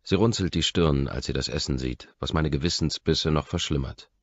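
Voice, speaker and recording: Very deep-voiced male audiobook narrator. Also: moderate pace, no room sound, lo-fi sound. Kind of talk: first-person audiobook narration.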